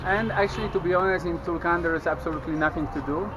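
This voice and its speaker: A young Polish man, Polish his first language and accent, talks fast in a slightly high voice as a travel vlogger, explaining things step by step in casual talk to a handheld camera at arm's length. He's outdoors at a busy border crossing, then at a roadside food stall. The camera audio clearly picks up street and traffic noise.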